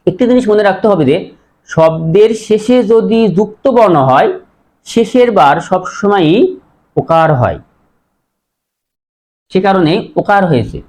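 A man with a high voice teaches pronunciation rules. He works through each example slowly, repeats the words and poses questions to his students as he goes. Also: expressive, darkish tone. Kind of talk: Bengali pronunciation lesson.

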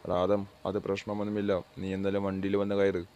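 A man voicing a brisk company boss who lays off a worker, in an amateur dub of a game short film. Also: deep voice, completely flat delivery, dark tone, natural voice. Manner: brisk and matter-of-fact. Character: male company boss, blunt and businesslike.

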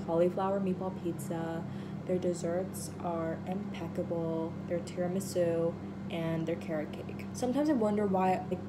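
A woman's voice: lowish voice, very noisy. A young woman vlogging casual restaurant recommendations in her bedroom, chatting freely with lots of "like" fillers, filmed by a camera in front of her. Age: young adult. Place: bedroom, indoors.

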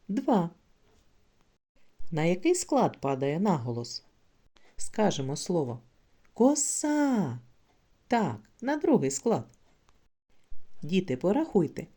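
A woman leads a literacy lesson for small children, pacing her words slowly and stretching out each sound. Her voice sits low and mellow, yet it rises and falls in lively arcs as she prompts the class. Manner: slow, patient, drawing out sounds and words for children. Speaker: teacher.

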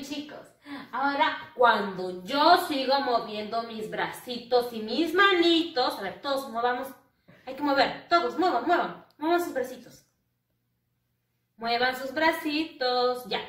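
A woman's voice: sits high, fairly bright tone. A woman teaching English to first graders in a sing-song, coaxing way, answering her own questions in children's voices. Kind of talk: children's lesson. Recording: roomy, distant from the mic.

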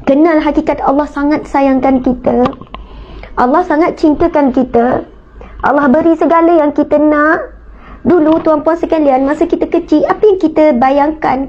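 A woman's voice: sits high, lo-fi sound. A woman preacher with a Malaysian Malay accent, telling a story to her audience in an earnest, emotional way. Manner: emotional, earnest, addresses listeners directly. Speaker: religious teacher, preacher. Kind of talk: storytelling religious talk to an audience.

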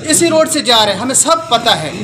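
A man, forcefully complaining to reporters at an outdoor market. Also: very high voice, lively intonation, a little fast, over music. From Pakistan. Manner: indignant, forceful complaint to the press. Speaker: protesting farmer spokesman. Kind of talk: street interview statement. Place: outdoor market arcade with crowd.

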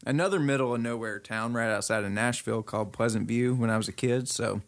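A man's voice: mid-range voice, fast talker. A young man from Kentucky, a musician guest in a casual podcast chat, easygoing and self-deprecating. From Kentucky, USA.

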